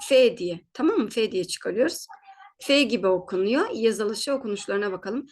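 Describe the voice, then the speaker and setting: This woman gives a patient German pronunciation lesson with a medium-pitched, animated, slightly mellow voice. Words are repeated slowly, she checks in often, and she corrects her own slips as she goes.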